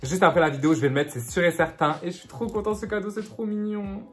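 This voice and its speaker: A young man unboxing gifts in a casual vlog, excitable and gushing, stacking repeated words for emphasis. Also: sits high, quick pace. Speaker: YouTuber.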